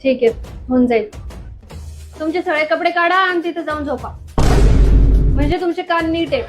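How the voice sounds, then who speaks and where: A woman acting in a comedy sketch, playing a brisk, deadpan doctor. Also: sits high, dull audio. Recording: music under the voice.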